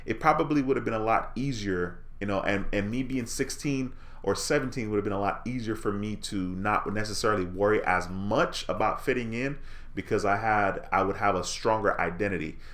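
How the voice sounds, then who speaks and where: This Jamaican live stream host has a low voice and a relaxed, friendly manner, talking fairly quickly as he reads viewer comments out loud and replies in casual chat.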